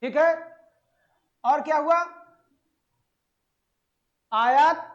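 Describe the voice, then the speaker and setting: A man teaching an exam-prep lesson on agriculture, asking the class questions and answering them himself, stretching out key words slowly. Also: extremely high pitch. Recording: dull lo-fi audio.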